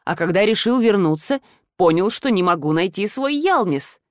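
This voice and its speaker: A woman reading an audiobook, voicing a weary, regretful ancient male god who speaks in a measured, low, tired way. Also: lively intonation, no room sound, clean studio sound, lightly acted.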